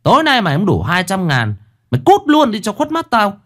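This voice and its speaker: A cruel, scornful young mother, screeching her abuse at a raised, piercing pitch that jumps up and down wildly, with a man doing her voice. She spits her words out fast and hard. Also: wildly swooping pitch, fairly bright tone, exaggerated voice. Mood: furious. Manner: screeching, abusive scolding. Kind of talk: storytelling with character voices.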